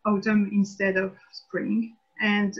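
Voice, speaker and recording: A woman's voice: medium pitch, little pitch movement, takes it slowly, breathy edge. A woman from France, editor-in-chief, explaining her views at length in a casual online panel discussion. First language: French. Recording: dull lo-fi online call audio.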